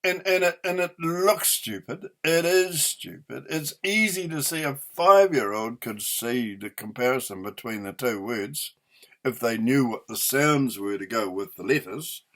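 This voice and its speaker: In an off-the-cuff tirade, this opinionated vlogger, an octogenarian with a New Zealand accent, sounds indignant and sweary, punching key words hard. His mid-range voice is expressive and a bit bright, and he takes his time.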